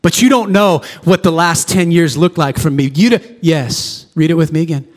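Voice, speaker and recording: A male pastor delivers an impassioned sermon, his voice sitting noticeably high. He drives points home by repeating phrases and briefly acting out the figures he preaches about. The sound rings with the long reverb of a church sanctuary. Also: moderate pace. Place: church sanctuary before a congregation.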